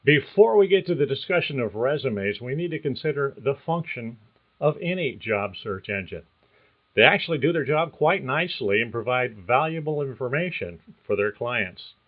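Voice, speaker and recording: In a scripted monologue for his career podcast, an older male host coaches listeners in a warm, folksy, reassuring way. He's expressive, keeps a moderate pace, and his pitch lands in the middle range for a man, though the audio sounds somewhat muffled and lo-fi.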